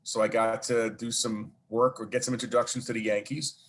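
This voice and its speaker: Rambling through long stories with plenty of fillers and side remarks, this Brooklyn-accented guest from New York speaks a little fast in a casual interview. His medium-pitched voice barely moves in pitch.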